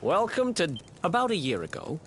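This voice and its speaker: A swaggering young thief, bragging about his loot in a lively, sing-song voice that leaps up and down. He sounds pleased with his own cleverness. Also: high voice, moderate pace, slight background noise, exaggerated voice. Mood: boastful. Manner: boastful, conspiratorial storytelling. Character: cocky young male thief, boastful schemer. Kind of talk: video game voice acting.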